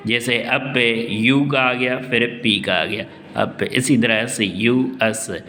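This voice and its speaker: A man with a Pakistani accent teaching a shorthand lesson, asking questions and answering them himself while spelling words out slowly. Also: medium pitch, steady tone, a bit bright, slight background noise.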